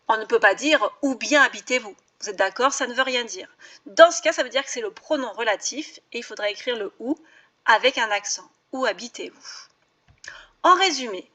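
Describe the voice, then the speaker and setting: A woman's voice: a little high, pushed and bright. A woman teacher, giving a patient spelling lesson for her video channel and explaining each rule with examples.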